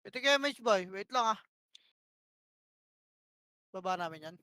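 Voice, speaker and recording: A woman's voice: medium pitch, animated, unhurried, bright, forceful tone, no echo, studio quality. A woman calling plays to her team during an online game, bossy and profane, firing off short repeated commands. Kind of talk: live gameplay shot-calling.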